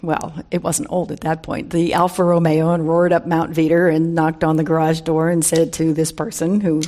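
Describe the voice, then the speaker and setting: A low, dark, level voice at a moderate pace belongs to an American woman in her seventies, a Bay Area wine industry veteran appearing as a guest speaker. Her talk to the live crowd is loose and humorous, built on conversational anecdotes, dry asides and emphasized key words.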